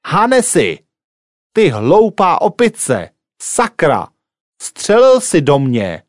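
Man putting on a cranky bossy robber, snapping at his partner, higher voice. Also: wildly swooping pitch, dry recording, clean studio sound. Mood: angry. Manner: snapping, insulting. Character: bossy, quick-tempered male bank robber.

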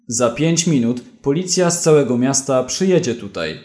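A man voicing a corrupt policeman who talks quietly and steadily, giving commands. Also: mid-range voice, animated, normal speed, roomy sound, lightly acted. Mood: calm, commanding. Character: calm, menacing corrupt male policeman.

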